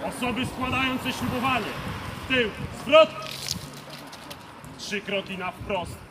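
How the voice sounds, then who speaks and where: High-pitched man barking slow parade commands. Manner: loud, clipped, drawn-out commands. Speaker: parade commander at a fire brigade ceremony. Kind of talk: barked drill commands. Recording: reverberant outdoor sound with background noise.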